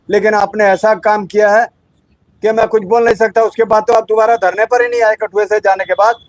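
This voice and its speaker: A man's voice: high voice, no room sound, low-quality recording. A middle-aged ex-serviceman making an angry, confrontational statement in a protest video. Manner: indignant, confrontational, accusing. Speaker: ex-serviceman activist.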